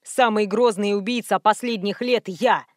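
A woman's voice: mid-range voice, steady tone, moderate pace, no echo, lightly acted. Teen boy killer, boastful and callous, read by a woman narrator, dry close audiobook sound. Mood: smug. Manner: smug, cheerfully callous.

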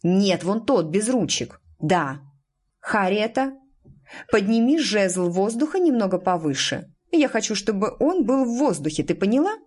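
A woman's voice: medium pitch, sing-song, a little mellow, slightly rough, voice pushed up. A woman voicing a bossy, haughty young witch girl who orders and corrects everyone, in an audiobook reading. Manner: commanding, correcting, drawn-out and haughty. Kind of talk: audiobook character voice.

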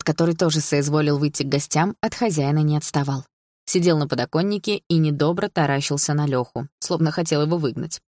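A man's voice: a little high, a little mellow, no echo. Male audiobook narrator, dry close sound.

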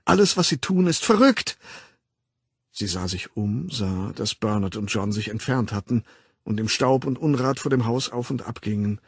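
Husky male audiobook narrator. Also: lowish voice, moderate pace, dry recording, studio quality. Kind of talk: scripted literary narration.

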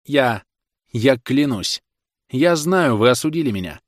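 A man's voice: medium pitch, expressive, unhurried, dry recording, clean studio sound, pitched above the performer's own voice, natural voice. An actor reading an audiobook, playing a small, desperate young male defendant whose voice keeps breaking. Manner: breaking, faltering voice.

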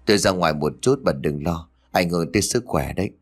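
A man's voice: low-pitched, lively intonation, fast talker, pitched below the performer's own voice. Figure: a man doing an anxious guilt-ridden father. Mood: desperate. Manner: gruff, pleading under strain.

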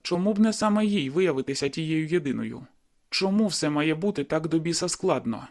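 A man's voice: fairly high pitch, lively intonation, a little fast, vocal fry, a little mellow. A man reading a first-person novel aloud in a brooding, inward manner. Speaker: audiobook narrator. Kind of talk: first-person audiobook narration.

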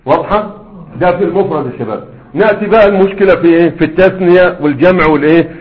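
A man with an Egyptian accent teaching an Arabic grammar lesson, constantly quizzing his students with rhetorical questions and drilling examples one by one. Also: high voice. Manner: slow, repeated drilling of examples. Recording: echoey room over a thin phone-like line.

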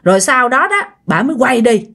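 Woman, ghost story narration, chatty, speaks to listeners, high voice, lively pitch. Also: fairly quick, vocal fry. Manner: chatty, addresses listeners directly.

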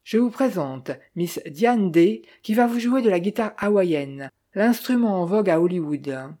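A narrator reading the lines of a brisk, witty young woman who teases and announces in a storybook reading. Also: medium pitch, animated, warm tone, close to an everyday voice. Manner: teasing, brisk.

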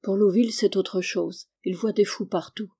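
A woman reading a novel aloud in a steady, measured way. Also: mid-range voice, husky. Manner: steady, measured reading, rising for emotional lines. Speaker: audiobook reader.

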